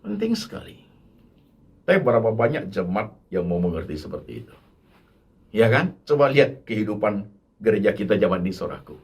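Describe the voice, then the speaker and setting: A man's voice: lowish voice, animated, a little fast, husky. A man preaching a sermon as pastor, acting out quoted voices and mixing in English words.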